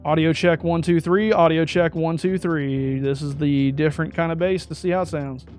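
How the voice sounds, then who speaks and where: Explaining his audio setup, a man who calls his own voice high-pitched works through each setting of his USB desk microphone in a step-by-step walkthrough, fixing his wording mid-sentence. He speaks at a moderate pace with a steady, slightly mellow tone over soft background music.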